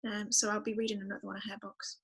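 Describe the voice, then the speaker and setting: A musician appears as a guest on a podcast, talking in a casual interview, enthusiastic and emphatic, repeating words for emphasis. She speaks very fast in a mid-range, slightly rough voice with flat delivery, and the recording quality is low.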